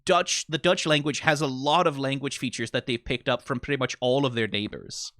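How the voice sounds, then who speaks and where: A Danish man with a Danish accent hosts a reaction video, rambling casually between tangents, swearing now and then and often asking "right?". His mid-range, fairly bright voice is steady and fairly quick, recorded in clean studio sound with no room echo.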